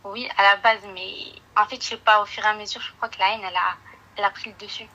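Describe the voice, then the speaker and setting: A woman's voice: medium pitch, fairly even intonation, fast talker, pushed and bright, muffled recording. A woman guest on a live stream, explaining herself hesitantly in a casual, confiding chat.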